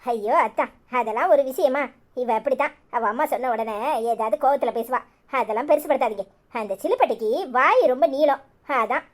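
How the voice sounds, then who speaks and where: A woman with a Kanyakumari Tamil accent voicing a soft-spoken, apologetic young woman in a cartoon. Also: high-pitched, fairly quick, voice pushed down.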